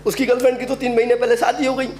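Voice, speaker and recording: A young man doing a stand-up comedy set, telling stories with a UP Hindi accent and acting out characters in quick asides. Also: very high-pitched, flat delivery, a little mellow. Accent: Uttar Pradesh Hindi. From Uttar Pradesh, India.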